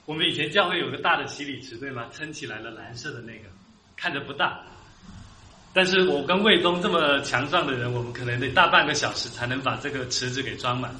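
A man's voice: mid-range voice, fast, bright, forceful tone, echoey room, slight background noise, rough recording. A man preaching a sermon as pastor, earnest and rising to emphatic peaks.

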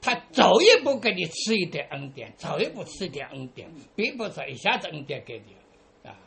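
Woman preacher, sermon, very lively pitch, rhetorical questions, drawn-out filler sounds. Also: vocal fry, crowd noise. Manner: asks listeners rhetorical questions; pads phrases with drawn-out "ah" fillers. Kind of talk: sermon to a congregation.

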